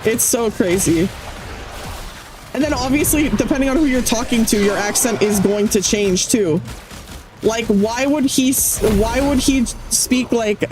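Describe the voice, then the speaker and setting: A talkative streamer gabbing casually during a game, quick to sound incredulous and to laugh. The voice sits at a middling pitch and carries a constant hiss of background noise from the desk mic. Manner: chatty, incredulous, laughs often. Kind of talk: casual chat while gaming.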